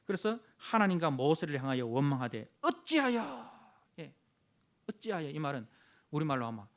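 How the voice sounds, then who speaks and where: A man's voice: a little high, very animated, normal speed. A male pastor delivering a sermon. He is emphatic, dramatically voices the complainers he preaches about, and keeps dropping short affirming interjections between phrases. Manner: punctuates phrases with frequent affirming "yes" interjections.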